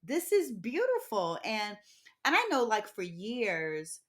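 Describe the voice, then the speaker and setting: A woman's voice: medium pitch, huge pitch swings, slow pace. A woman in her fifties hosting a podcast interview, talking expressively and emphatically and laughing often. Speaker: podcast host. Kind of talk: casual interview chat.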